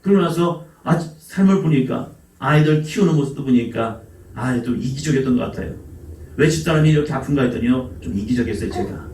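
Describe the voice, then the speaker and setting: A man's voice: medium pitch, fairly quick, a little mellow. A man preaching a Sunday sermon as pastor, who acts out God calling people by name with a raised voice. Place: church sanctuary. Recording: roomy church sound from a distance.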